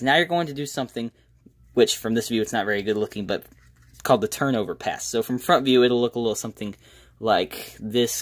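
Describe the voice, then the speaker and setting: A man presenting a casual, step-by-step magic tutorial in an informal, self-deprecating way. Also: mid-range voice.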